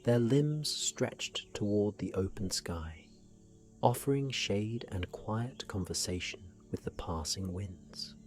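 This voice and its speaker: A man reads a bedtime sleep story in a soothing, hushed voice. His pitch sits fairly low and he takes his time, very slowly, with gentle unhurried phrasing. Faint music plays behind him. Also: animated. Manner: gentle, hushed, unhurried guided-relaxation delivery.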